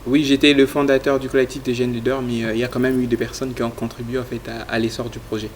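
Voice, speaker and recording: In studio interview answers, a young adult guest from Congo describes his youth leadership project earnestly, his delivery flat and even and full of filler words. He speaks fast at medium pitch against slight background noise.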